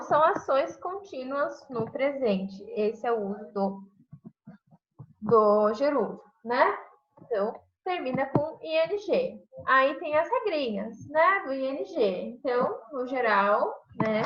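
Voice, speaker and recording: A woman with a Brazilian Portuguese accent, an English teacher explaining grammar step by step in a class and tagging "né?" onto her sentences. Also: fairly high pitch. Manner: explains step by step, says "né?" constantly. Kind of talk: online class grammar review. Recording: dull lo-fi online class audio.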